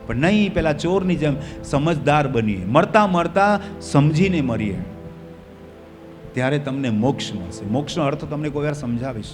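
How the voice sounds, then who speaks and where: A male pastor preaching a sermon in a church hall, his voice often swelling loud with fervor. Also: a little high, animated, moderate pace. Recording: long hall reverb, faint music behind.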